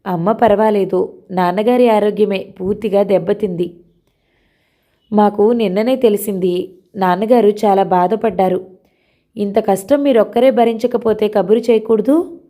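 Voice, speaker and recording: A woman voicing a considerate young man who speaks softly and reassuringly. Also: mid-range voice, normal speed, pauses often, natural voice. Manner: soft, reassuring.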